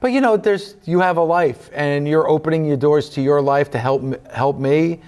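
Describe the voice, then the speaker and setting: A man's voice: on the high side, moderate pace, darkish tone. A man in his fifties, a guest in a casual chat, earnest and often restarting his sentences. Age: 50s.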